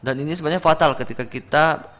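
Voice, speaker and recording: A man giving patient, corrective feedback on Quran recitation on a radio program, slowly sounding out each word. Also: on the high side, fairly bright tone.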